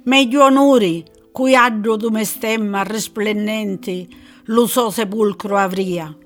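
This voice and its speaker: A woman's voice: mid-range voice, takes it slowly, faint music behind, close to an everyday voice. A woman voicing a grave, longing middle-aged nobleman in a Sicilian accent, speaking solemnly and pleadingly.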